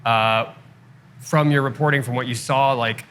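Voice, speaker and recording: A man's voice: mid-range voice, fairly even intonation, moderate pace, fairly bright tone, slight background noise. A man hosting the interview, asking questions in an inquisitive, casual way. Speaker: host.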